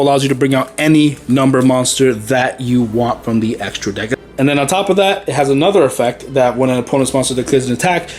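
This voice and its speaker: A man hosting a card game channel, giving a rambling, easygoing walk through his deck with many fillers and a little out of breath. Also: medium pitch. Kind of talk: casual deck walkthrough.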